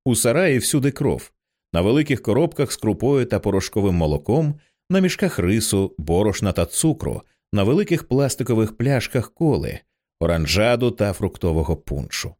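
A man narrating a screenplay as an audiobook reader, in a dramatic and expressive way. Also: fairly low pitch, moderate pace.

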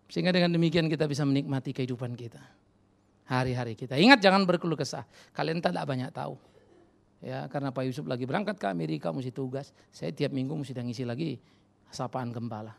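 A man's voice: mid-range voice, gravelly. A middle-aged male pastor preaching a fiery sermon in church, scolding and addressing the congregation directly.

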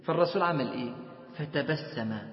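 A man with an Egyptian Arabic accent giving a religious lecture, asking rhetorical questions and moving between soft and emphatic delivery. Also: on the high side, brisk. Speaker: preacher. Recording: echoey hall, dull lo-fi sound.

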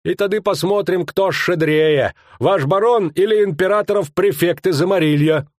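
A man voicing a boastful, blustering male bounty hunter with rough folksy speech. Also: high voice, moderate pace, no room sound, studio quality, pitched above the performer's own voice, close to an everyday voice. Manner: loud, rough, swaggering.

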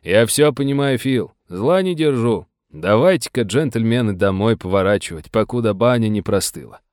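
A man voicing a gruff older Russian settler with a folksy, blunt, scolding manner. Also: on the low side, expressive, normal speed, a little mellow, no room sound, studio quality, close to an everyday voice. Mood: hearty.

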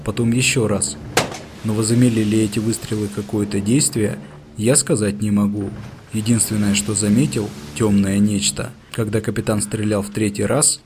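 A man narrating a story in first person, reading in a steady, measured way. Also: lowish voice, slight background noise. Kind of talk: audiobook narration.

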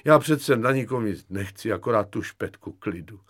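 A man's voice: expressive, slightly rough, dry recording, clean studio sound. A man voicing a weary, nervous army lieutenant who pleads and frets. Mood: plaintive. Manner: whining, pleading, flaring into shrill panic.

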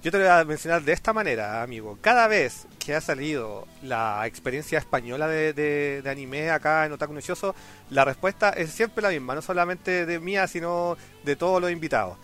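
A man from Latin America hosting a podcast, relaxed and jokey, calling his guest "amigo". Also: on the high side, brisk, faint music behind. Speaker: podcast host. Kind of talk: casual podcast interview.

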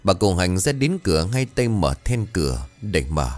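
A man's voice: low voice, very animated, moderate pace, faint music behind. A man narrating a scripted horror story in a dramatic, suspenseful way.

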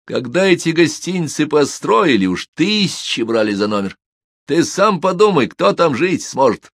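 A man's voice: a little high, sing-song, normal speed, fairly bright tone, no room sound, pitched above the performer's own voice, full character voice. A man voicing a weary police captain in his forties who talks in a bitter, resigned way in an audiobook. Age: 40s.

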